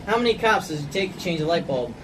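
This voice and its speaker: This fast-talking woman reads jokes with lively intonation while hosting a laughing challenge, sweary and blunt in her casual delivery. The audio is noisy and distant, with a rumble underneath.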